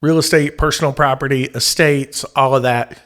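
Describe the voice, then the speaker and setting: A man's voice: medium pitch, steady tone, a bit bright. A middle-aged man, a professional Santa and auctioneer, telling his story in an easygoing, casual interview. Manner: easygoing storyteller, breaks into quick auctioneer chant.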